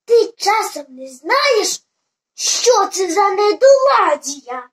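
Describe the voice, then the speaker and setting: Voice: very high voice, very animated, takes it slowly, a bit bright, full character voice. A reader voicing a curious, puzzled young girl in a storybook. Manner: questioning, puzzled.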